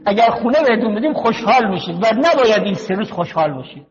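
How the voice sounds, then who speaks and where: An older male cleric giving a slow, measured religious sermon, teaching through stories and quotations. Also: sits high, expressive. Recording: dull lo-fi recording in a reverberant hall.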